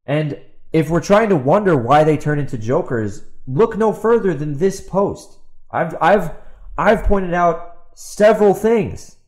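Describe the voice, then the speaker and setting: A man whose voice sits on the high side, slightly slow and a little mellow with lively intonation, rants spontaneously on his podcast; he's also an author. His tone is exasperated and sarcastic, full of emphatic repetition and rhetorical questions directed at an absent opponent.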